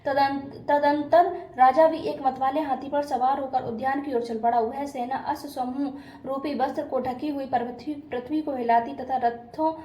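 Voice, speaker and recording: High-voiced woman reading a devotional tale. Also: steady tone, dark tone. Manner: halting reading with frequent stumbles and restarts. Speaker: reader of a devotional story. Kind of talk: reading a religious story aloud. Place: home room during a puja. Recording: echoey room, faint background noise.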